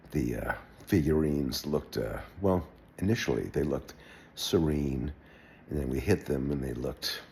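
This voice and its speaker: An older man telling a wry personal anecdote in a relaxed, halting way, with wry understatement. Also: a bass voice, a little hiss or hum. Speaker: storyteller. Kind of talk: personal anecdote told aloud.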